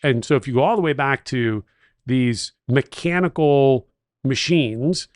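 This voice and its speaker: A man's voice: mid-range voice, a little slow, no room sound, studio quality. A middle-aged man co-hosting a podcast, telling stories with eager enthusiasm in a casual chat. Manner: enthusiastic storyteller, techno-utopian. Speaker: podcast co-host.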